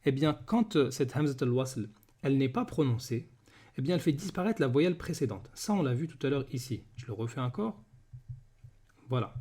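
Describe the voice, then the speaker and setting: A man teaching a beginners' reading lesson, patiently repeating each word slowly and checking understanding with frequent questions. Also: mid-range voice, big pitch swings, warm tone, slightly rough.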